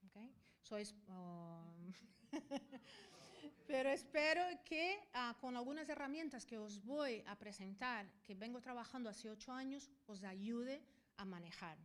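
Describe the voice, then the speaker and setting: With a fairly high, animated, slightly bright voice, a middle-aged woman gives a conference talk. She is a Brazilian veterinarian and professor, a Portuguese native speaking Spanish picked up in Spain, who often asks a quick "ok?".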